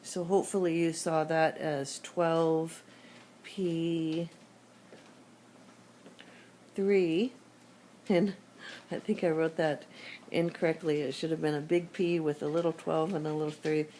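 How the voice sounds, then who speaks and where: A math teacher with a sore throat walks through problems one step at a time in a screencast lesson. Her voice sits low and mellow. A faint hiss runs under it. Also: slow pace, long pauses. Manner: steady step-by-step explaining, thinking aloud. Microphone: tablet screencast recording.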